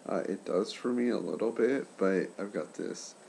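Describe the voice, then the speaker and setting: A man in his late twenties chatting casually in a subdued, halting way, with congested, slightly impaired speech after nose and throat surgery. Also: fairly low pitch, gravelly, a little mellow, slight background noise. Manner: subdued, keeping voice down for a sleeper; halting, trailing pauses. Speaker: patient sharing surgery recovery. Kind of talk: casual vlog chat.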